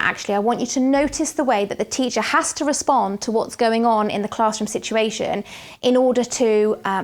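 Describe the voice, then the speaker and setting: High-voiced southern English woman teaching. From Berkshire, England. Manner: slow, clear modelling of letter sounds. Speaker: phonics teacher. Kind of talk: classroom teaching with commentary.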